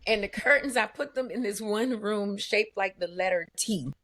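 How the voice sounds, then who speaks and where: A woman guest, a business owner, telling her story in an animated, emphatic way with vivid asides. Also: mid-range voice, moderate pace. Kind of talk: conversational storytelling.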